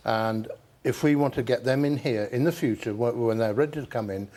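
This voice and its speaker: A man's voice: medium pitch, a little fast, warm tone. An older man, a military veteran, chatting as a TV guest and sometimes repeating words as he starts. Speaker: Chelsea Pensioner, veteran guest. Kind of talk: casual TV interview.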